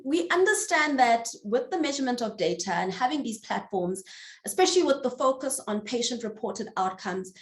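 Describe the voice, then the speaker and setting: A woman's voice: high-pitched, echoey room. A South African woman moderating a panel webinar, introducing speakers with many fillers and restarts.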